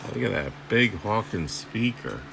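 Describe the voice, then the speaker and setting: Inspecting equipment for his radio repair video, a man thinks aloud in salty, informal, rambling commentary. His low-side voice is creaky with big pitch swings, moving at a measured pace, and the background is noisy.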